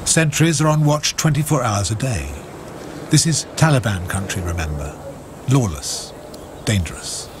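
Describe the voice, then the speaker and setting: A man's voice: mid-range voice, lively intonation, moderate pace, noisy background. A man reading dramatic, scripted documentary narration in grave, emphatic short phrases. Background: music.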